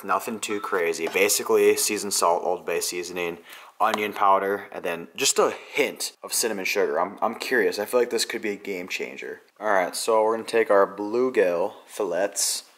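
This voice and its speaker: A man's voice: fairly low pitch, fairly bright tone. A young man chatting casually in a fishing vlog, filler-heavy, filmed on a handheld camera at arm's length. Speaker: fishing vlogger. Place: garage, then an apartment kitchen and living room. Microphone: handheld wide-angle camera at arm's length.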